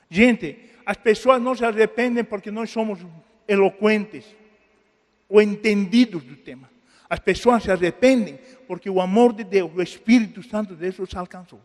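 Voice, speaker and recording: A Brazilian man preaching a sermon in a high, light voice, with long reverb trailing off the walls of a church hall. He talks earnestly, swelling up and then sinking into quiet pleading. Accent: Brazilian Portuguese. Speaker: pastor.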